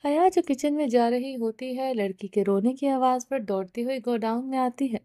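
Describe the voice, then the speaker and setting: A woman narrating a novel aloud in a steady reading voice with small restarts. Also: high-pitched, dry recording, clean studio sound. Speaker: novel reader. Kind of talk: audiobook narration.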